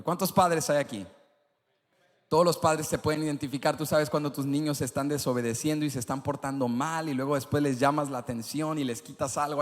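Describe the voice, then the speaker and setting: A man's voice: fairly high pitch, big-room sound. A male pastor preaching a Spanish sermon in a church, building intensity with emphatic repetition. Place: large church sanctuary.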